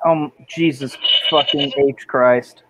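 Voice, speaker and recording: A man's voice: medium pitch, steady tone, takes it slowly, a bit bright, husky, no echo, lo-fi sound. A man in a casual live-stream chat who sounds exasperated and swears a lot. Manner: profane, exasperated.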